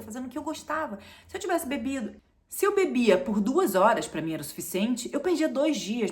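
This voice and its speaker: Fast-talking Brazilian woman in her forties. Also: mid-range voice, darkish tone. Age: 40s. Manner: chatty and confessional, acts out quoted lines in a raised voice. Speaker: vlogger. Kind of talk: personal storytelling to camera.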